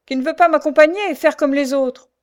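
A woman's voice: on the high side, big pitch swings, normal speed, darkish tone, pitched above the performer's own voice. A woman voicing a coarse, pushy female thief speaking in rude street talk, reading a storybook. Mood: furious.

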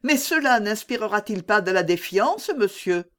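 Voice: medium pitch, lively intonation, normal speed, fairly bright tone, voice pushed up, close to an everyday voice. A reader voicing an anxious but imperious queen. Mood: urgent. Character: anxious proud queen, adult woman.

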